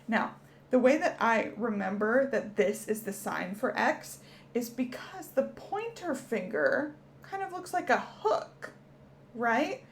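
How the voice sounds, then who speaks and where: High-pitched lady teaching little kids the alphabet, slow and cheery. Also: animated, slight background noise. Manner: cheerful, encouraging, speaks to children. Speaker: children's teacher. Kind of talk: children's educational lesson.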